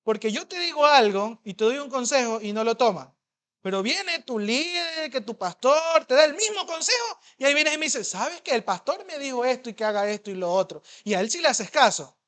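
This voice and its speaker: A man's voice: extremely high pitch, big pitch swings, fairly quick, a bit bright, full character voice. A man voicing his own father as a stern parent questioning why his son ignores his advice. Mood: reproachful. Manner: reproachful, questioning.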